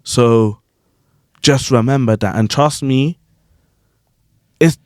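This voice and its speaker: Slow-paced and mid-range in pitch, a grime MC hosting a podcast chats casually about performing. He uses lots of slang, stays animated, checks in with guests, and keeps saying "you get what I'm saying." The recording is studio quality with no room sound.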